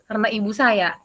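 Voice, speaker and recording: In a video-call interview, a woman who teaches PE responds with an animated story packed with fillers, her voice a little high.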